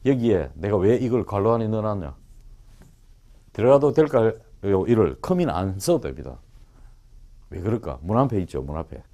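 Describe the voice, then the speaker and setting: A man teaching English to a class of students, joking and firing quick questions at them. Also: on the low side. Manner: animated and joking, quizzes the class. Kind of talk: lively classroom lecture.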